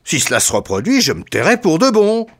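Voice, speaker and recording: A man voicing a pompous male lecturer who keeps getting slapped, his voice rising to indignant high shouts. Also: wildly swooping pitch, brisk, full character voice.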